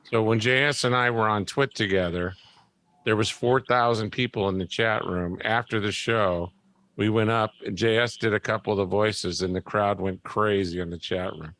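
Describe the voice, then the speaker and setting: A man's voice: lowish voice, fairly even intonation, moderate pace, fairly bright tone. A man hosting a podcast, chatting eagerly with his guests. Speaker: podcast host. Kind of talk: casual podcast chat.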